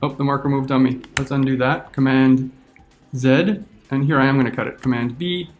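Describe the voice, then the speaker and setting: A man teaching a screen-recorded software tutorial, talking through each step as he clicks. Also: mid-range voice, steady tone, moderate pace, faint music behind.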